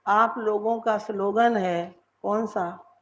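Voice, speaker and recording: A woman's voice: medium pitch, fairly even intonation, takes it slowly, muffled recording. A woman giving a devotional lecture as a spiritual teacher, repeating words for emphasis and asking her listeners questions.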